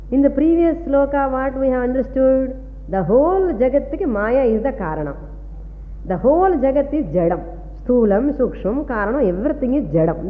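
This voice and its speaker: A woman with a South Indian Tamil accent teaching philosophy in a didactic way, repeating key phrases and checking understanding. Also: a little high. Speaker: Vedanta teacher. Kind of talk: philosophy lecture mixing two languages. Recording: tinny phone-like sound, long reverb, faint hum.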